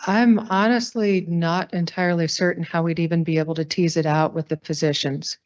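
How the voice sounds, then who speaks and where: A woman's voice: fairly low pitch, fairly even intonation, a little fast, darkish tone, no room sound. A woman faculty senator and surgeon, candidly asking questions at a meeting in an auditorium. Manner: candid, slightly self-deprecating. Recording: dry, dull lo-fi sound.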